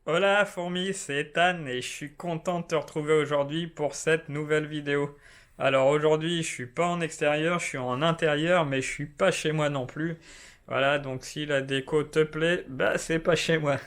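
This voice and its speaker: A man talks through his topic in a relaxed, chatty vlog, addressing the viewer directly. His voice sits a little high and comes across smooth and clear. He was recorded indoors. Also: normal speed. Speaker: self-publishing video host. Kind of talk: casual explainer vlog. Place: indoors, not at home.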